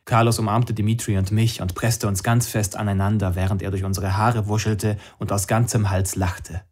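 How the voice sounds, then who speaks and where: A man reading a novel aloud in calm, measured scripted narration. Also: fairly low pitch, husky. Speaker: audiobook narrator.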